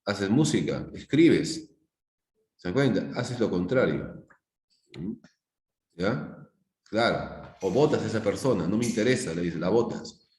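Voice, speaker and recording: Brief: low-voiced Peruvian male teacher, middle-aged, lecturing with examples, roomy echo. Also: animated, takes it slowly, long pauses, a little mellow. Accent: Peruvian Spanish. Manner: explains with examples, often asks the class "¿se dan cuenta?". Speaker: psychology teacher. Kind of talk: live online class lecture. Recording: echoey room.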